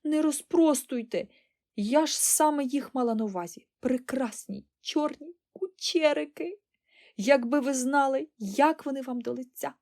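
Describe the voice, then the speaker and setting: A woman voicing an excitable, cheerful little girl who gushes and exclaims in breathless enthusiasm, in an audiobook. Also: high voice, moderate pace, voice pushed up. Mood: excited.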